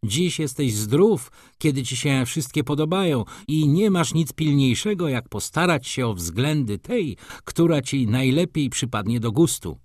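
A man's voice: medium pitch, lively intonation, measured pace, hardly any pauses, darkish tone, no echo, studio quality, voice pushed up. A man voicing a cynical, mocking doctor. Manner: sardonic, teasing, expansive. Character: cynical, mocking male doctor, middle-aged.

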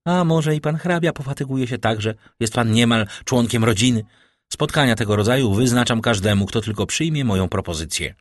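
A man's voice: mid-range voice, lively intonation, brisk, no room sound, studio quality, voice pushed up, close to an everyday voice. A male narrator voicing a proud, angry young nobleman who speaks coldly and challengingly. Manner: cold, challenging.

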